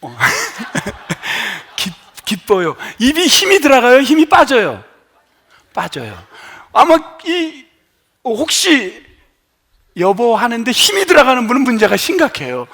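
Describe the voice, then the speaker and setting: Animated high-voiced male pastor preaching. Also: takes it slowly. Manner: animated, swings from loud emphatic lines to hushed near-whispers; asks the congregation questions and has them try words aloud. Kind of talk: sermon.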